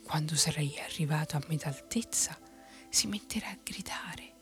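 A woman's voice: low voice, moderate pace, faint music behind. A woman whispering as a cunning traveler man. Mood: ominous. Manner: soft unvoiced whisper. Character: cunning male traveler who tricks people. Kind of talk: whispered role-play.

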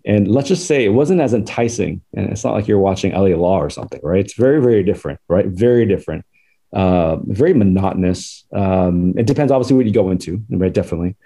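Chatty low-voiced man, dark tone. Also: gravelly, slightly rough. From Southern California. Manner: chatty, rambling, laughs often. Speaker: podcast guest. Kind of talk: casual life-story interview.

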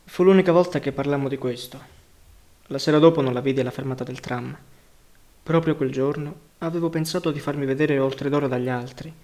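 A man narrating a novel as an audiobook reader, measured and even. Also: mid-range voice. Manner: measured, even literary reading. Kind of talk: novel reading.

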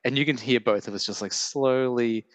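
A man hosting a podcast in casual chat, with a gravelly voice hoarse from illness and a long day of talking, joking and self-deprecating as he rambles. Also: medium pitch, moderate pace, no room sound, long reverb tail. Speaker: podcast host.

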